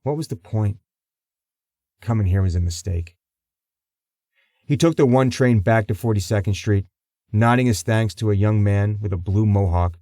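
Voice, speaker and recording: A man narrating a crime audiobook in a measured, even storytelling manner. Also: fairly low pitch, no echo, studio quality. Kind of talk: scripted narration.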